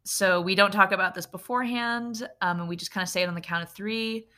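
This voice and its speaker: A woman co-hosting a podcast, chatting casually with deadpan, playful jokes. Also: medium pitch, fairly quick. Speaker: podcast co-host. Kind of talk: casual comedic chat.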